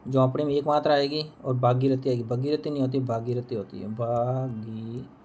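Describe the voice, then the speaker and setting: A man's voice: medium pitch, steady tone, quick pace, a little mellow, slight background noise. A man teaching Hindi, walking through an exam answer key, who repeats each answer and asks and answers his own questions.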